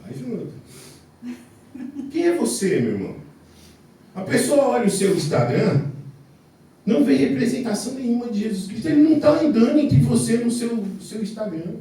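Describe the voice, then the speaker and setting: A man's voice: extremely high pitch, very animated, moderate pace, pauses often, warm tone. A Brazilian man preaching a fervent church sermon, emphatic, repeating phrases and throwing out rhetorical questions. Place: church service before a congregation. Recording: very echoey church hall, distant mic, faint noise.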